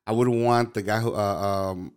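A man's voice: fairly low pitch, fairly even intonation, moderate pace, clean tone. A man in casual chat, rambling and hesitant, with many fillers and restarts.

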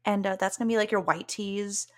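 Woman cohost, curious and jokey, mid pitch, just chatting. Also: fairly even intonation, a little fast. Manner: curious, jokey, asks questions. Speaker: podcast co-host. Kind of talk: casual chat.

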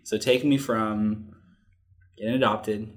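A man's voice: fairly low pitch, steady tone, slow. A man hosting a local podcast, introducing the episode and asking curious, friendly interview questions. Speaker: podcast host.

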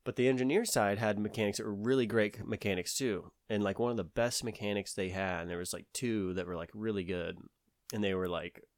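A man's voice: lowish voice, steady tone, brisk, no room sound, studio quality. A man from the American South with a Southern accent, telling a long story in casual conversation, rambling with many fillers and restarts.

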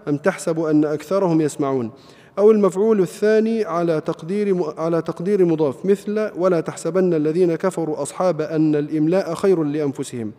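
Guy reading the text out quick, slightly high voice, echoey hall. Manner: rapid, even recitation of the text. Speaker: student reading the text aloud. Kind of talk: reading a classical text aloud. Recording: long reverb of a hall.

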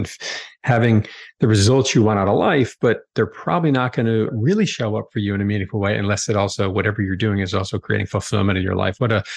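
A man's voice: on the low side, creaky, husky. A man hosting a podcast interview, talking enthusiastically with frequent restarts. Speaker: podcast host.

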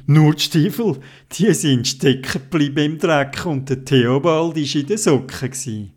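A storyteller with a Swiss German accent, telling an animated children's bedtime story and acting out voices. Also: medium pitch, measured pace, breathy edge.

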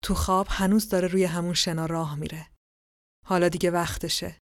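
Lower-voiced woman narrating a dark tale. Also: steady tone, no room sound, studio quality. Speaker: podcast storyteller. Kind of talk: scripted story narration.

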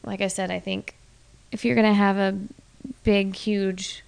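A woman's voice: mid-range voice, flat delivery, a little slow, vocal fry, clean tone, no room sound. A woman co-hosting a podcast, chatting casually about movies with hedging fillers and easy laughter. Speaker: podcast co-host.

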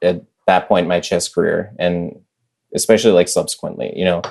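A man's voice: low voice, steady tone, brisk, gravelly, darkish tone. A young man chatting as a podcast guest, rambling with lots of filler words. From United States. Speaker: podcast guest, chess master. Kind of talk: casual conversation.

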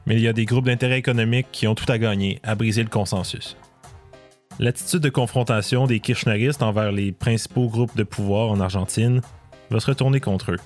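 A man delivering scripted documentary narration in a measured, explanatory way. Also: fairly low pitch, steady tone, a little mellow. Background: faint music.

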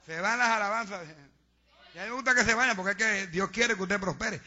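Fervent high-voiced preacher, lo-fi. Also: male voice, brisk, pushed and bright. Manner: fervent, exhorting, preaching to a congregation. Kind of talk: sermon. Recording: dull lo-fi sound.

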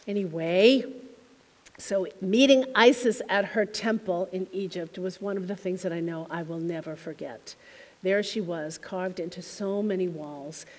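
Woman minister, reflective spiritual talk to a congregation, long hall reverb. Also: lowish voice. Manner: heartfelt, reflective storytelling with soft trailing phrases. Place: temple hall.

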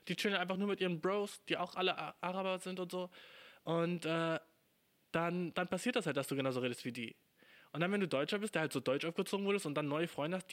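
A man's voice: a little high, fairly bright tone. Slangy young man ranting casually. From Germany. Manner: rambling, profane, full of youth slang and English words. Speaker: podcast host. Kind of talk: casual slang-heavy monologue.

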